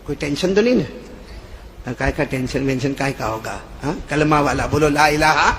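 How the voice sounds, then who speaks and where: A man preaching to a live gathering. He jokes, quizzes the crowd, and swings between soft asides and shouts. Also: on the high side, big-room sound, background noise. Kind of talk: lively storytelling sermon. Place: live religious gathering with a stage.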